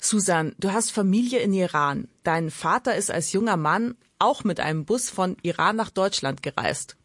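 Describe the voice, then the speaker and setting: A woman hosting a podcast, narrating a documentary story in a calm, measured way. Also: medium pitch, no echo, studio quality.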